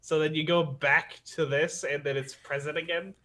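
A man's voice: fairly high pitch, steady tone, moderate pace, sharp tone. A man chatting casually and agreeably as he reads a comic with a friend. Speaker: co-reader. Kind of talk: casual comedic chat.

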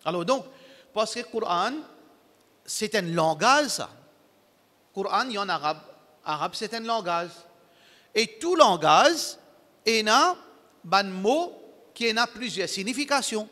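A man preaching to his congregation, emphatic and repetitive, in broken, halting phrasing. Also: high-pitched, expressive, sharp tone, in a large hall. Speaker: Islamic preacher. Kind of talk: sermon to a congregation.

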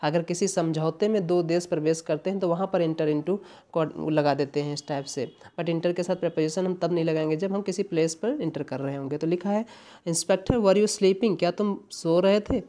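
A woman's voice: sits low, brisk, dark tone. A woman with an Indian accent teaching an exam-prep English lesson, explaining patiently and repeating words to check understanding.

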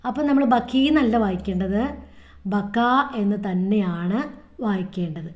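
A woman's voice: medium pitch, normal speed, darkish tone. A woman with a Kerala Malayalam accent teaching a recorded lesson to young children, repeating words and making animal sounds in a sing-song way.

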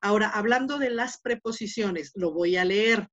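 A woman's voice: medium pitch, moderate pace, a bit bright. A woman with a Mexican Spanish accent teaching a Latin class online, explaining patiently step by step with many rhetorical questions. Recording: dull lo-fi online class audio.

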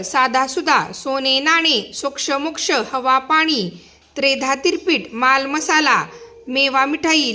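A woman teacher giving a lesson for young pupils, reading a word list aloud slowly and clearly, one item at a time. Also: high voice, pushed and bright. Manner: slow, clear dictation-style reading.

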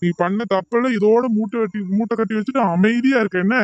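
A man's voice: sits high, fast, darkish tone, dry recording, lo-fi sound, close to an everyday voice. A man voicing an angry young husband in a cartoon drama, who scolds and threatens. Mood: threatening.

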